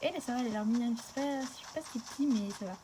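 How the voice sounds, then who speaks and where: A young woman talking fast and casually in slangy chat while commenting on her gameplay. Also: on the high side, warm tone, a little hiss or hum, rough recording. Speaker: gaming video creator.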